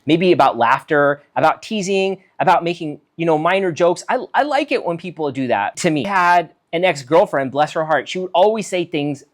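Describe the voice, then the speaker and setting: A man speaks with a lively, swinging pitch, his voice rising and falling freely. He is a physician giving a solo talk, reading from notes and acting out example lines. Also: normal speed, few pauses. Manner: animated, acts out quoted lines, reads from notes. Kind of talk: solo talk on conversation skills.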